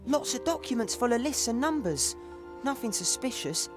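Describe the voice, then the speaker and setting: An eager young sidekick from a game, happy to help. Her voice sits a touch high. Soft music plays underneath. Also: big pitch swings, moderate pace. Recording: game audio with faint music.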